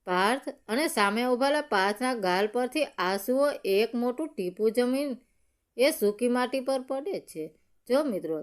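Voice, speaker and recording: A woman narrating a dramatic story in a slow, measured storytelling manner. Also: on the high side, clear, resonant tone.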